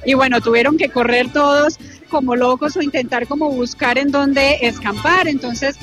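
A woman's voice: high voice, steady tone, normal speed, over music. Upbeat woman reporting live outdoors. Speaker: field reporter. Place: outdoor fan festival plaza.

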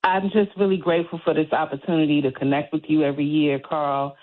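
A woman's voice: sits low, little pitch movement, fast. A woman calling in as a radio guest, friendly and grateful. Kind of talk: phone-in interview. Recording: tinny phone line.

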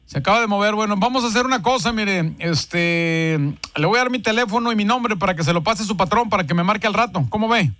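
Mexican radio dude pranking someone on the phone, high voice, dry close sound, pushy and teasing. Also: male voice, fast, a bit bright, no room sound. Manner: pushy, teasing, playfully indignant. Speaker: radio prank-call host.

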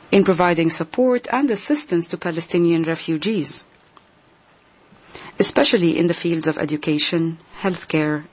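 A woman giving a translation voice-over as an interpreter, rendering a formal speech in a measured, deliberate way. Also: fairly low pitch, a little mellow, slightly rough, highs cut off. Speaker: simultaneous interpreter.

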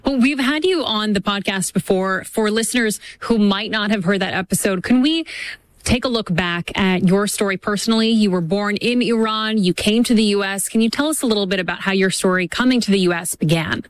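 A woman hosting a news podcast who narrates segments and interviews a guest in a measured, deliberate way. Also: mid-range voice. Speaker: podcast host.

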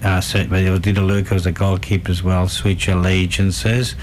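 A man's voice: low voice, flat delivery, a little fast, slight background noise. A man, co-hosting a casual football chat and finishing his partner's sentences. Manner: chiming in, finishing the other's sentences.

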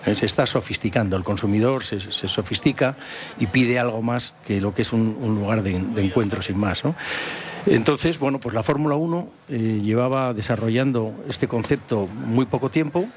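A man's voice: mid-range voice, normal speed, a little hiss or hum. A man from San Sebastián, a company founder, answering interview questions hesitantly with many restarts. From San Sebastián, Spain.

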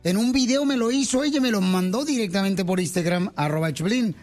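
A man hosting a lively radio talk show, animated and playful, calling his guest pet names. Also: sits high, brisk, soft background music.

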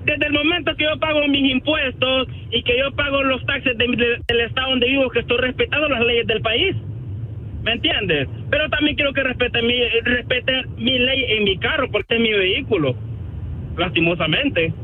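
Defiant caller on a tinny phone line. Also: male voice, very high-pitched, moderate pace, husky. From Honduras. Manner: defiant, repeatedly calls people idiots.

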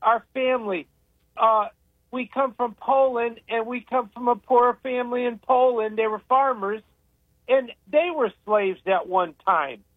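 Older male radio host, high-pitched voice, opinionated rambler, thin phone-line sound. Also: unhurried, dry recording. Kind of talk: casual radio talk.

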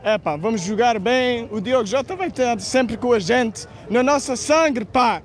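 A man's voice: extremely high pitch, moderate pace. A man, a fan speaking in rowdy bursts outdoors. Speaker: football fan.

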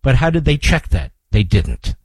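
Behind a close studio microphone in a radio studio, an older man with an American accent runs a political talk show, repeating phrases combatively and emphatically to press his point. His husky, darkish medium-pitched voice swings hugely in pitch at normal speed, captured at studio quality with no room sound.

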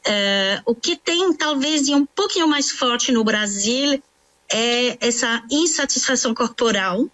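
Woman, nutritionist, earnest explainer, slightly high voice. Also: animated, a little slow, a bit bright. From France. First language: French. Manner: earnest, explanatory, with many fillers and restarts. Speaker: nutritionist, author. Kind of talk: interview answer.

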